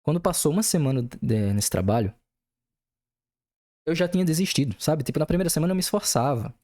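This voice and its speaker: A man's voice: a little high, expressive, fast talker, dark tone. A young man venting angrily, swearing. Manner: angry venting, heavy swearing. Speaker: podcast host. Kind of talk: casual podcast monologue.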